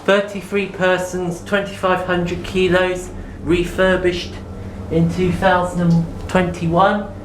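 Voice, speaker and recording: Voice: mid-range voice, flat delivery, slow pace. A person giving casual, matter-of-fact commentary on equipment in short factual remarks. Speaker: lift enthusiast filming tours. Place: inside lifts in a store. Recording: echoey, noisy lift interior.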